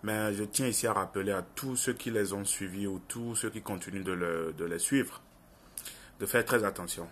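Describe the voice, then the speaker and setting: A young adult online video commentator with a Francophone African accent talks informally to viewers, sharing his views with earnest insistence and repeated phrases for emphasis. His voice is on the low side and fairly bright, at a moderate pace. Slight background noise can be heard.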